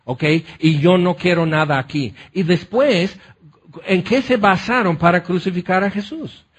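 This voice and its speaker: A man preaching a sermon, telling the story in a lively way that often slips into acted voices. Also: high voice, measured pace, slight background noise. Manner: animated storytelling, acts out voices. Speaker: pastor.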